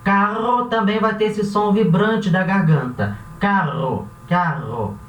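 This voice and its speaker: A man teaching a language class who talks patiently and repeats each word slowly, often checking in with his students. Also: sits high, fairly bright tone, far from the mic. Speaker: Spanish teacher. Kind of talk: classroom lesson. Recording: roomy, dull sound from off mic with faint hiss.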